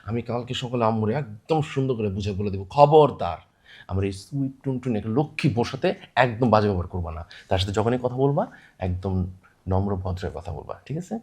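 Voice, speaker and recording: An actor playing a young husband who stammers and coaxes his upset wife, talking very fast. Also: fairly low pitch, a little mellow, natural voice. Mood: coaxing. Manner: stammering, coaxing. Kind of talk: TV drama acting.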